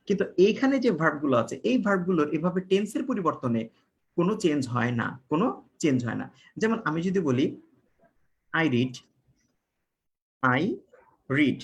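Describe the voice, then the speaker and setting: Man teaching, answering his own questions. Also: on the high side. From Bangladesh. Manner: asks the class questions and answers them himself; spells and repeats words slowly for emphasis. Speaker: English teacher. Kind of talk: online class lecture.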